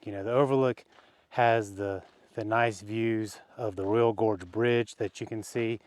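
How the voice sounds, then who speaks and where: A man's voice: on the low side, steady tone, a little slow, a little mellow, dry recording. A man vlogging outdoors as he walks a canyon trail, chatting casually with fillers and small laughs. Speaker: hiking vlogger. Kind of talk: casual narration while hiking.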